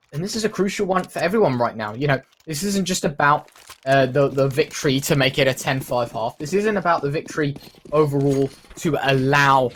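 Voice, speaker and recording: A man's voice: a little high, fairly bright tone. A man doing esports caster play-by-play commentary with dramatic, emphatic phrasing. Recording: background noise, game gunfire and clicks.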